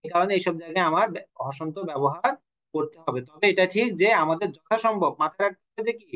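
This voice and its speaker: This man runs an online language lesson from home or a studio, laying out rules, putting questions to students and slipping in jokes now and then. He talks fast in a high, fairly bright voice, captured on a low-quality recording.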